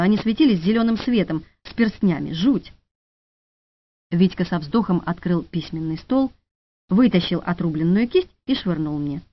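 A woman narrating an audiobook in a lively, expressive reading, in a dull, dry studio recording. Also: on the low side, dry recording.

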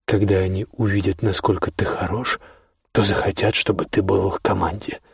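A man reading the lines of a calm, supportive older brother who speaks in a quiet, reassuring way. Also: low-pitched, brisk, gravelly, breathy edge, no echo, clean studio sound, full character voice.

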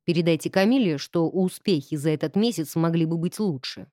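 A woman's voice: low voice, fairly quick, mellow, no room sound, clean studio sound, voice pushed down, close to an everyday voice. A woman voicing an arrogant aristocratic male count who speaks in stern, clipped orders.

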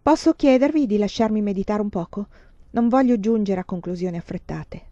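A calm, evasive fortune-telling nun who answers softly and with deference, voiced by a woman reading a novel aloud. The tone is dark and mellow. The storybook recording is dry and dull. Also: mid-range voice, a little fast, no room sound, natural voice. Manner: soft, hesitant and deferential.

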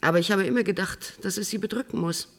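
Woman playing a gravelly, composed prisoner. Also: mid-range voice, natural voice. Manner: composed, measured, precise about wording. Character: composed middle-aged woman in custody. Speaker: prisoner on remand giving an interview. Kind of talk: radio drama acting.

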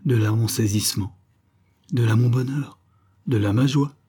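A man's voice: medium pitch, normal speed, mellow, breathy edge, close to an everyday voice. Man voicing a scheming theatrical count. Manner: theatrical, exclamatory. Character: scheming villainous count, middle-aged man, feigning emotion.

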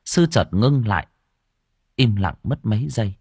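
Husky, lively male storyteller. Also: on the low side, normal speed, no room sound, studio quality. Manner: expressive storytelling. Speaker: audiobook narrator. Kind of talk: storytelling narration.

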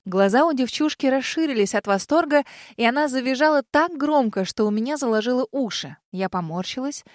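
A woman with a fairly high voice reads a first-person fantasy audiobook. Her delivery is lively and amused. The recording is dry and close to the mic. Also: a little fast, no room sound. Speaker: narrator.

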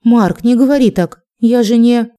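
Worried older mom pleading with her son, raised voice, soft timbre, read by a woman. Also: fairly high pitch, a little slow, voice pushed up, natural voice. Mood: anxious. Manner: anxious, pleading. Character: anxious older mother of a grown son.

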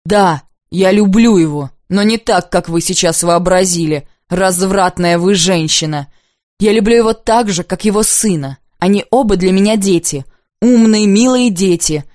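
A proud, bitter unmarried woman speaks with fierce, accusing intensity, as a woman reads her in an audiobook. The voice sits at a middle pitch. The recording is dry and close. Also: a little mellow, no echo, close to an everyday voice. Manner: intense, accusing, slow and heavy at times. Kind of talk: audiobook dialogue reading.

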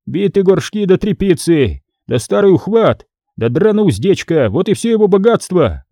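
A man doing a calm, businesslike merchant. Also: high-pitched, moderate pace, no room sound, studio quality, pitched above the performer's own voice, heavily acted. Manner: businesslike, unbothered. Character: calm, self-assured moneylender merchant, man.

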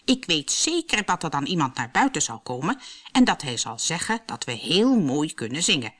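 An eager, boastful male pig from a storybook, loud and keen, voiced by a woman reader. The pitch jumps up and down lively as he schemes. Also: normal speed, breathy edge, exaggerated voice.

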